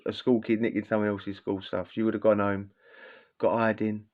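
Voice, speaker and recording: A man's voice: on the low side, little pitch movement, normal speed. A man telling a casual story in a slangy, rambling way, often repeating himself. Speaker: vlogger. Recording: slightly dull lo-fi audio.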